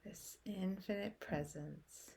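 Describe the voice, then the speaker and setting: Speaking in short phrases separated by long silences, a woman leads a calm, unhurried guided meditation. Her mid-range voice is mellow, with vocal fry and a breathy edge.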